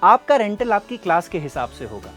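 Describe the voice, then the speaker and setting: Brisk and very animated, a man with a high-pitched, fairly bright voice plays a persuasive, polite sales rep in a scripted training film. Acting as presenter, he explains things directly to the listener through narration and role-play. Soft music runs in the background.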